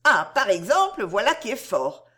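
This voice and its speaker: A woman reading the part of an older countess and worried mother in a story, brisk and reproachful. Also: on the high side, wildly swooping pitch, sharp tone, husky, exaggerated voice.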